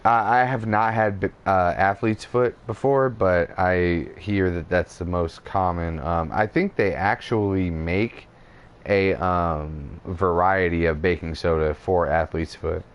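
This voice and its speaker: A man's voice: deep voice, fairly even intonation, measured pace, clear, resonant tone, lo-fi sound. A man hosting a podcast in casual chat, teasing his co-host, swearing and laughing often.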